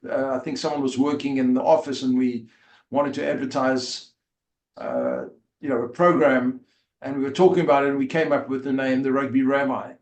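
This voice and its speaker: South african guy in his 50s telling his story, mid pitch, lots of uhs and restarts, bit of room echo. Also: normal speed. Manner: earnest, with frequent fillers and restarts. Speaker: rabbi, interview guest. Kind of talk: conversational storytelling. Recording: roomy echo.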